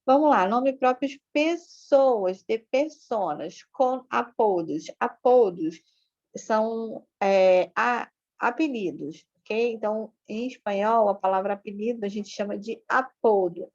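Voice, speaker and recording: A woman's voice: fairly high pitch, slow pace, darkish tone. A woman, teaching a recorded Spanish grammar lesson and checking in with her students as she explains. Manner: explains patiently, checking with "certo?" and "sim?"; switches between Portuguese and Spanish explanations. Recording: dull lo-fi home recording.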